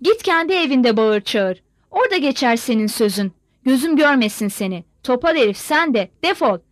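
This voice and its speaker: A woman's voice: sits high, expressive, moderate pace, dry recording. A woman reader voicing a fiery, scornful young village woman who lashes out in an angry, insulting tirade. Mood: furious defiant. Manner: furious shouting tirade, insulting.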